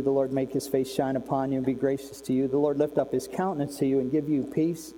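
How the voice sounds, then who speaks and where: Male preacher, high voice with a mellow tone, chatty sermon full of rhetorical questions, long reverb and faint hum behind. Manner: conversational, rhetorical questions, swings between loud and hushed.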